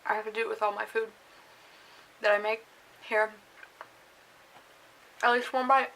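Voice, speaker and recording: A young woman chats loosely about her baking attempt, giggly and quick to put herself down. Her voice sits fairly high and bright, with a gravelly fry at the ends of phrases. A faint hiss runs under the recording. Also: little pitch movement, low-quality recording. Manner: giggly, rambling, self-deprecating. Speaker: baking vlogger. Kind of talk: casual vlog chat.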